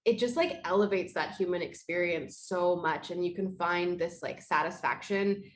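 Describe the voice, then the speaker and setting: A woman's voice: lowish voice, normal speed. A woman in casual podcast conversation, talking in an earnest, reflective, chatty way.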